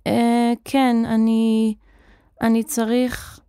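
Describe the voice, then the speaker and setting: A woman's voice: fairly high pitch, completely flat delivery, smooth, dry recording, studio quality, natural voice. A woman narrator voicing an anxious young boy apprentice who pleads and grows frantic in a children's audiobook. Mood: nervous. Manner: pleading, rising to frantic shouts.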